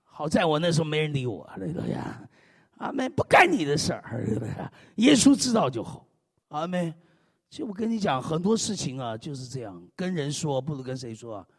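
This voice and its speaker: A male pastor preaching an animated, humorous sermon, punctuating it with frequent hallelujahs and amens. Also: on the high side, fairly quick, husky, long reverb tail.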